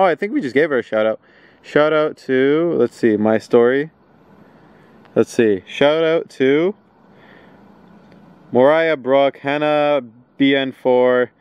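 The same energetic woodland vlog continues, the man in his twenties hyping up viewers with shout-outs and trail talk on a handheld camera held at arm's length. His mid-range voice sounds clean, the recording dry with the highs cut off.

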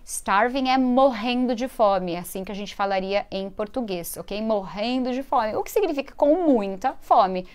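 A woman from Brazil hosting a live online English lesson, explaining words in a lively way and getting viewers to repeat after her. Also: a little high, normal speed, hardly any pauses, clear, resonant tone. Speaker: English teacher and show host.

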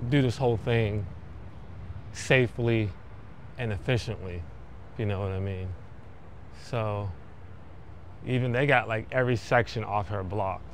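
A young man vlogging as he explores a dark abandoned building, making slow, awed remarks into a handheld camera. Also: lowish voice, a little hiss or hum. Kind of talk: casual exploring vlog. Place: dark abandoned hotel indoors, then street at night.

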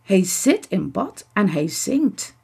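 A woman voicing a bold, quick-tempered young girl in a children's storybook reading. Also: mid-range voice, sing-song, vocal fry, husky, exaggerated voice. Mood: hushed. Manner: loud and snappish, then hushed.

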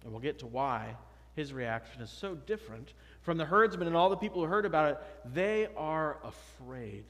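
Expressive and fairly bright in tone, his voice leans high and moves at normal speed. The speaker, a pastor in his thirties, gives an emphatic, conversational sermon at a sanctuary pulpit; a pulpit mic and distant camera pick up long church reverb.

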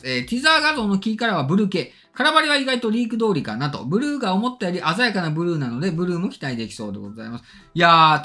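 A middle-aged tech channel host with a high-pitched, pushed, bright voice sits at a desk in an indoor studio or room, faint music behind him. He chats casually, reading viewer comments and answering them politely and emphatically, his diction slightly slurred by orthodontic braces.

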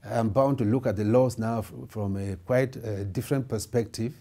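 A man's voice: on the low side, steady tone, moderate pace, dark tone. A middle-aged man from Cameroon, a lawmaker and lawyer, giving formal, reflective interview answers with frequent hesitations in an indoor office. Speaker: member of parliament and lawyer. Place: indoor office with wood paneling.

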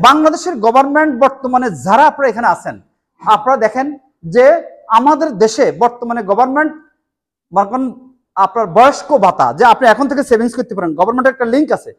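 A man in his forties from Bangladesh with a Bangladeshi Bengali accent, giving an animated motivational seminar in a meeting room on a lapel mic, full of rhetorical questions. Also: very high voice. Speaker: motivational speaker.

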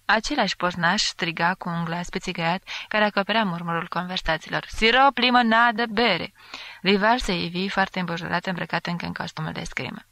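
An audiobook narrator reading a classic novel aloud in a steady literary reading style, now and then lifting the voice to act out shouted lines. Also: medium pitch, gravelly, hardly any pauses, no echo. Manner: acts out quoted shouts with a raised voice.

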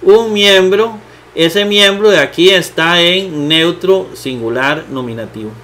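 A man walks through a grammar lesson in a slightly raised voice. He talks unhurriedly, repeating key terms, filling pauses with hesitations and checking in with rhetorical questions. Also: high-pitched, bright, forceful tone. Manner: slow, repetitive, with many fillers and rhetorical questions. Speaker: Bible teacher.

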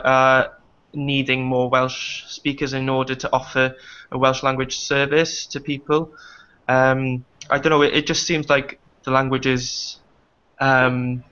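A young man who is a performer and writer joins a casual panel discussion by laptop webcam from a small, dim room, speaking hesitantly with lots of fillers and restarts. His mid-range voice is pushed and bright, and the video call audio is muffled.

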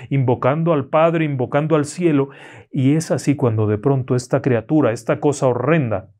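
A man narrating a horror story in a slow, dramatic way. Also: medium pitch, a little mellow.

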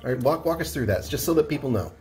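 A man's voice: mid-range voice, animated, racing, darkish tone, faint music behind. Chatty upbeat man hosting a tabletop game. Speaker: game host. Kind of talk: casual tabletop game commentary.

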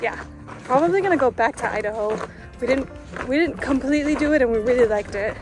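Young woman, casual hiking vlogger, slightly high voice, phone at arm's length outdoors, music bed under her. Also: lively intonation, fast talker. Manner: chatty, laughs often. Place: mountain trail outdoors.

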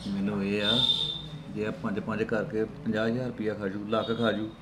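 A man's voice: lowish voice, monotone, moderate pace, very noisy, natural voice. A man playing a middle-aged village father who coaxes his son and plots with his wife. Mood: reassuring. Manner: coaxing, fatherly. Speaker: actor. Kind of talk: family drama skit.

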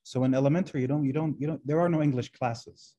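A man from Kuwait, Arabic his first language, talks over a video call from an indoor room. His voice is warm and dark at a middle pitch. He searches for words, restarting often and filling pauses with "um". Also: a little hiss or hum. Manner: hesitant, many fillers and restarts. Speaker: guest, translation professor.

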